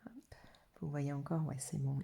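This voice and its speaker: A woman's voice: fairly low pitch, moderate pace, mellow. A French woman hosting a watercolour channel, chatting casually with many fillers as she paints color swatches. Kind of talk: casual art demo narration.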